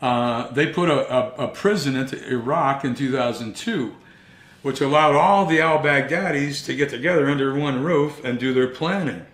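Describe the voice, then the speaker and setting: A man telling his own story in a first-person monologue, earnest and emphatic, with dramatic pauses. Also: mid-range voice, a bit bright. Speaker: speaker recounting his own investigation. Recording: roomy echo.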